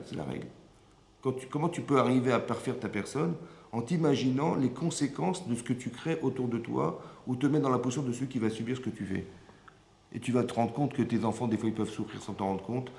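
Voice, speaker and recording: A man's voice: mid-range voice, fast talker, gravelly, a little mellow. A man, a rabbi, giving a Torah lesson and often stopping to check that his listeners follow. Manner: keeps checking with listeners, repetitive asides. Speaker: rabbi teaching a class. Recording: echoey room with faint background hum.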